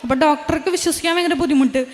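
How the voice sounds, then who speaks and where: High-voiced young woman in a hall. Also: rapid-fire. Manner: earnest, emotional, with restarts. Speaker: testimony giver. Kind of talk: religious testimony. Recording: long hall reverb.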